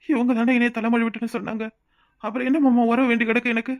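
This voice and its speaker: A man's voice: very high voice, level tone, fast. A man voicing a young married son who speaks a southern Tamil village dialect and complains to his mother that he feels hurt and abandoned, in a cartoon. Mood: hurt, resentful. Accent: southern Tamil Nadu village dialect. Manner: aggrieved, emotional complaining. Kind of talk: cartoon voice acting.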